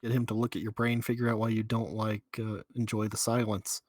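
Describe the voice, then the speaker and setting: A man's voice: fairly low pitch, level tone, a little fast, a little mellow, no room sound. A man co-hosting a podcast, chatting casually over gameplay, giving dry teasing remarks and game tips. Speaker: podcast co-host.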